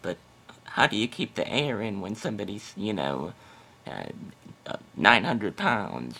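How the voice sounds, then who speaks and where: A man's voice: on the low side, sing-song, unhurried, vocal fry, bright, forceful tone, breathy edge, exaggerated voice. A man voicing a chatty, skeptical female customer on a prank phone call, hesitant and exclamatory. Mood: skeptical, probing. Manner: hesitant, exclamatory, calls the listener honey.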